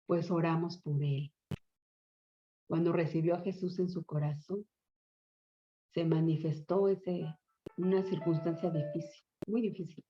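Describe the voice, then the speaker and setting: A middle-aged woman pastor with a low voice, recounting a testimony to her congregation with earnest, emotional storytelling. The recording is muffled and lo-fi, with faint music playing underneath. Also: steady tone, a little slow, long pauses. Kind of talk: testimony sermon.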